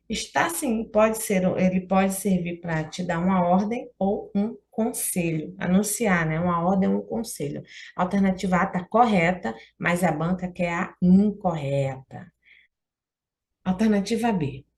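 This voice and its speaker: A woman's voice: mid-range voice, darkish tone. Brazilian woman teaching exam Portuguese. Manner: explanatory, checks in with listener often. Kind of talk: exam question walkthrough.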